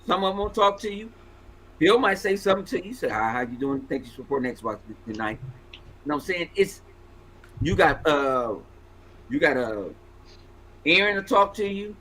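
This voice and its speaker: Forties guy ranting on a podcast, cursing a lot, high bright voice. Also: moderate pace, long pauses, a little hiss or hum, low-quality recording. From Los Angeles. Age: 40s. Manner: profane, animated ranting. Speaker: podcast host. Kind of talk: casual podcast banter.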